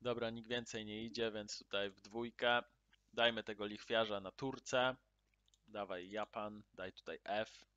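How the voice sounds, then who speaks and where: A man with a lowish voice gives unhurried, casual gameplay commentary. He booms his greetings, drops to quiet muttering while he plays, and bursts into excited cries. The recording is dull, lo-fi and dry. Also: no room sound. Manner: loud upbeat greetings, then mutters quietly while playing; excited exclamations at in-game drops. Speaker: gaming channel host.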